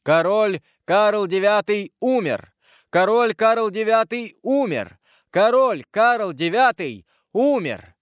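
A man reading an audiobook voices a royal guard captain making a loud ceremonial proclamation. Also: high-pitched, lively intonation, slow pace, clean tone, no room sound, studio quality, pitched above the performer's own voice. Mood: solemn proclamation.

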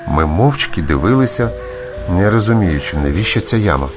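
A man reading a story aloud in the first person, with expressive storytelling. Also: low voice. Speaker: narrator.

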